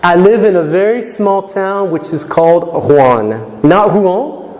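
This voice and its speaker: A high-voiced male lecturer from Florida talks to students in a lecture room, speaking in a lively way but switching to slow, deliberate English for learners. The reverberant hall carries faint background noise.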